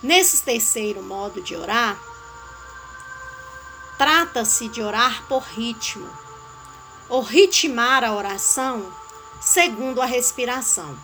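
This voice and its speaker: Woman, devotional teacher, very slow and measured, calm, soft music underneath. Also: on the high side, rough recording. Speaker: spiritual guide.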